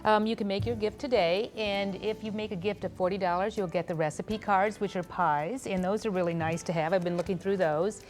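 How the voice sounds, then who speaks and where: A woman's voice: medium pitch, fairly even intonation, a little fast, hardly any pauses, a little mellow, faint music behind. A woman co-hosting a pledge break, upbeat as she lists the gift levels.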